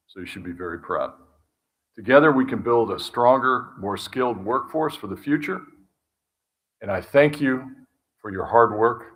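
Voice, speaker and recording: A man's voice: low voice, rough recording. A man giving an encouraging address to graduates at a ceremony. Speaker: guest speaker.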